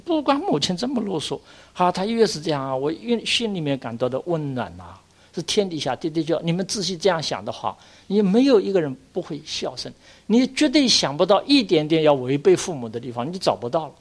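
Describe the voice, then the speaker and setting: An older man, a Buddhist monk, giving an earnest dharma lecture, exhorting his listeners and filling pauses with drawn-out sounds. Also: fairly high pitch, sing-song.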